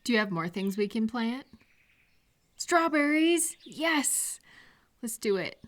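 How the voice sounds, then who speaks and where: In an intimate, casual audio roleplay, a woman plays a gentle, supportive friend, talking to the listener in a calm, reassuring way. Her voice sits fairly high and swings widely in pitch, and her mood is bright and encouraging.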